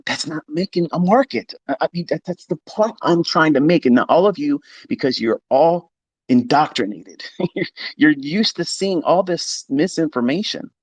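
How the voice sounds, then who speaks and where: A man's voice: a little high, lively intonation, normal speed, slightly rough, dry recording, dull audio. A man teaching trading on a live stream, talking in a blunt, emphatic way and swearing freely. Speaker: trading educator. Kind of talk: unscripted live-stream lecture.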